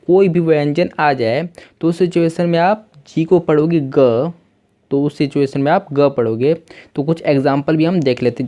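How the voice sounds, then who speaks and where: A man with a mellow, rather dark voice gives an online English lesson. He goes through each rule slowly and patiently, asks a question and then answers it himself, and repeats key points several times. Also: fairly high pitch. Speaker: English teacher.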